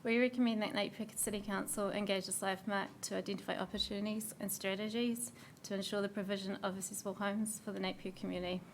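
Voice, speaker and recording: A New woman with a hoarse, fading voice reads a formal submission at a council hearing, steady and measured with small slips. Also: medium pitch, slight background noise. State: hoarse, losing her voice.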